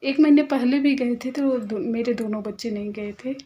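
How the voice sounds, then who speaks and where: A woman in her thirties chats to her viewers from home in a casual vlog. She tells family stories in a gossipy, confiding way and sometimes drops to a hush. Her voice sits a little high, with a mellow, warm tone. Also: normal speed, dull audio. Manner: chatty, gossipy storytelling, sometimes hushed. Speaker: mother and home vlogger. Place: at home, near the kitchen.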